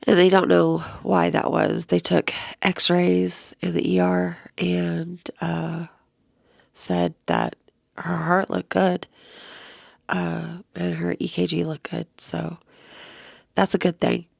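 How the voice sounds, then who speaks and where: A middle-aged woman vlogger, exhausted and sleepless, talks casually and reads a card aloud in a fairly low, flat, crackly and gravelly voice. She speaks slowly and wearily, sometimes sinking to a whisper, and the recording is studio-clean with no room sound.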